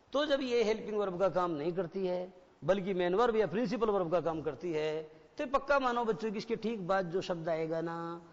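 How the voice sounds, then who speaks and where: A male English teacher with an Indian accent giving a classroom lecture, explaining step by step and often quizzing the students. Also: high voice. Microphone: satellite broadcast studio. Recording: dull, lo-fi broadcast with long hall reverb.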